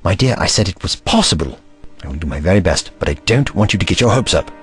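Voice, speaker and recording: A man's voice: deep voice, sing-song, quick pace, fairly bright tone, breathy edge, faint music behind, heavily acted. A man playing a clever, earnest alien Time Lord hero in an audio drama, with precise, theatrical, formal diction. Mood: gently cautious.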